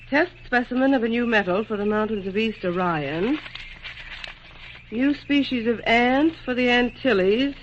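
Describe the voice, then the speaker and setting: A woman's voice: a little high, slight background noise. An actress playing a busy, scatterbrained, motherly nature spirit in a theatrical 1940s radio drama. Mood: businesslike. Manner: theatrical, brisk, fussy. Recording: dull lo-fi old radio recording.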